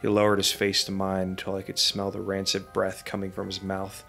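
Man, podcast host, low pitch, forceful bright tone, dramatic story reading. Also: completely flat delivery, a little fast, creaky, soft background music. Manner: dramatic reading broken by laughter. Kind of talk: reading a scary story aloud.

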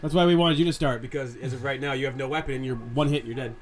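A man's voice: medium pitch, fairly even intonation, rapid-fire, a crowd in the background. A man joking through casual let's-play commentary, telling rambling crude anecdotes. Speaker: co-host commenting on gameplay. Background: game music.

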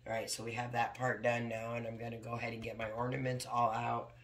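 A man with a hoarse voice from a cold, casually talking through a craft project step by step as he works. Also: mid-range voice, monotone, quick pace, fairly bright tone. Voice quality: gravelly. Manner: talks while working, moving near and far from the mic. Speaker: craft tutorial host.

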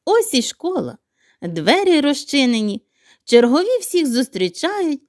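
Woman storyteller, playful children's tale narration, bright lively pitch, very dry close recording. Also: a little slow, dry recording.

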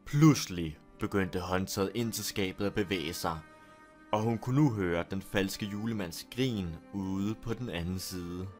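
A man with a low voice reads a horror story aloud. He keeps a steady, deliberate storytelling pace. Faint music plays under his narration.

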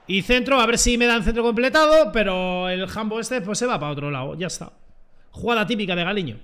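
A young man giving excitable, joking commentary over his own football video game match. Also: sits high, brisk, clean tone. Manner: excitable, joking, shouts at plays. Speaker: gaming streamer. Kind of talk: live gameplay commentary.

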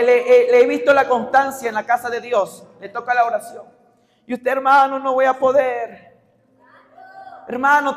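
A young man from Mexico, preaching an impassioned sermon as pastor, dropping to hushed asides and rising to shouted exhortation. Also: very high-pitched. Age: young adult. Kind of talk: evangelical sermon. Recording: long church-hall reverb.

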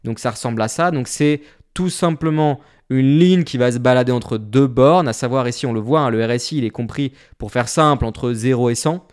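A man walks viewers through a charting tool in a screen-share lesson. His voice sits at an ordinary middle pitch, and he explains each step plainly and directly. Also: brisk, hardly any pauses, clear, resonant tone. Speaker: trading instructor.

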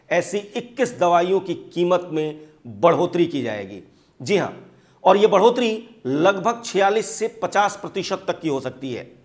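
A man in his thirties delivers a studio news commentary in an earnest, explanatory tone. His voice sits somewhat high for a man. He is recorded close on a lapel mic in a TV studio. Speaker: news presenter.

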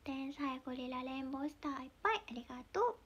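Young woman, Mie dialect accent, high-pitched, chatty, giggly, casual livestream talk, occasional soft whispers. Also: expressive, fast, breathy edge. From Mie Prefecture, Japan. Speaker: idol livestreamer.

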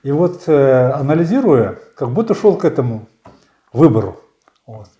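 A man in his sixties, a candidate answering interview questions in a measured storytelling way, often pausing with fillers. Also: medium pitch, very animated, warm tone, roomy sound. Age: 60s. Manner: measured, storytelling, frequent hesitations. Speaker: election candidate. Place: small bright studio.

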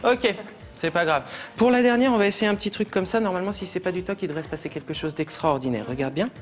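A man's voice: high voice, quick pace, soft background music. A man performing as a stage magician, joking and teasing his volunteers with playful patter in a TV studio. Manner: teasing, playful, laughs often.

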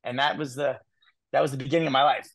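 Animated man telling his life story. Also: mid-range voice, fast, gravelly, dry recording. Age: 30s. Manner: animated, repeats words, quotes people in his story. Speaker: guest speaker. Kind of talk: storytelling in an interview.

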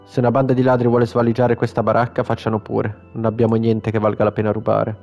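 A man's voice: on the low side, monotone, quick pace, darkish tone, highs cut off, faint music behind, lightly acted. Man reading as a frail old grandmother.

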